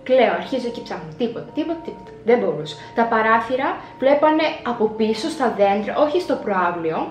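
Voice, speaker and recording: A young woman with a fairly high voice tells a personal story to her vlog audience. She dramatizes her past self as she retells it. The room rings with echo, and soft music plays faintly behind her. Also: very animated. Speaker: vlogger.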